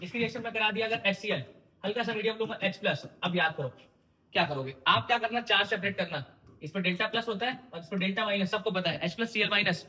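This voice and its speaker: A young man lectures on chemistry for exam prep, firing questions at his students and answering them himself. His voice sits high and sounds bright and sharp, with a teasing, informal edge. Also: fast. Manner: quizzing, repeating questions to students. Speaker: chemistry teacher.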